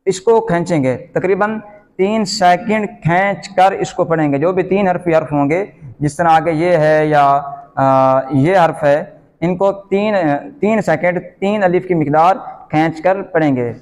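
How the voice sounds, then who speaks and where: A man with a Pakistani Urdu accent teaching Quran reading in a slow, patient lesson, repeating each letter sound loudly. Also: sits high, long reverb tail.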